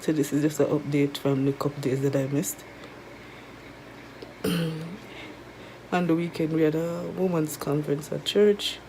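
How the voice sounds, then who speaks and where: A woman with a Jamaican accent chats casually to viewers in a halting, weary way, her throat sore and mouth dry after tonsil surgery. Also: low-pitched, steady tone, mellow, slight background noise, low-quality recording. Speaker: vlogger. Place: resting at home in bed.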